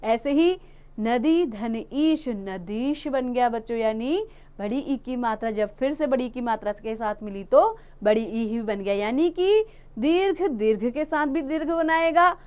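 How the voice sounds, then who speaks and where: Lady teacher, high smooth voice, walks kids thru grammar, asks then answers herself. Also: lively intonation, darkish tone. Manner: explains step by step, asks questions and answers them herself; addresses children, often drawn-out words. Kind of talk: classroom grammar lesson.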